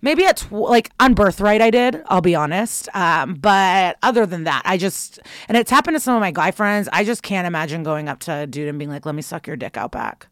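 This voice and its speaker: A woman's voice: medium pitch, animated, brisk, hardly any pauses, dry recording, clean studio sound. A woman co-hosting a podcast, talking candidly and loosely with lots of "like" and "um". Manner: candid, chatty, full of fillers. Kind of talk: casual chat.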